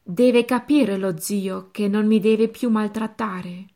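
A woman's voice: mid-range voice, steady tone, takes it slowly, gravelly. Woman reading as a sulky complaining nephew. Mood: resentful. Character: aggrieved grown nephew, complaining and petulant.

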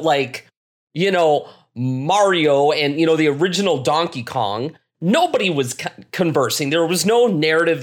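A man co-hosting a casual podcast, talking in animated rants with frequent restarts. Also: fairly high pitch. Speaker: podcast co-host.

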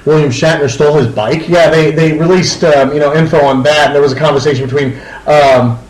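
A man co-hosting a casual podcast chat, talking haltingly with lots of fillers and restarts. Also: on the high side, steady tone, roomy sound, low-quality recording. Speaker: podcast co-host.

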